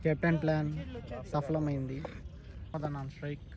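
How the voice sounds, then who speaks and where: A man's voice: on the high side, level tone, unhurried, dull audio. A man with a Telangana Telugu accent giving amateur cricket commentary in Telugu mixed with English cricket terms, in short exclamatory calls. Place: outdoors at a cricket ground. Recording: outdoor match with crowd noise behind. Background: crowd and outdoor sounds.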